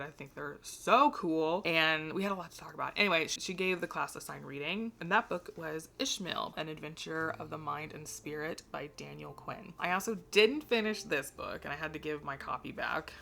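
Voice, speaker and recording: Standing between the bookcases of her home library, a woman book vlogger rambles casually to camera, chatty and self-deprecating. Her low-pitched voice is bright and forceful yet a little hoarse from losing it, with a slight vibrato.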